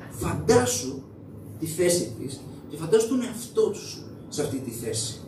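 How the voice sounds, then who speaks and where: A man's voice: a little high, big pitch swings, mellow, a little hiss or hum. A young man preaching a sermon in a church, talking conversationally and putting questions to the congregation. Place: church hall. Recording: echoey hall, mic at a distance.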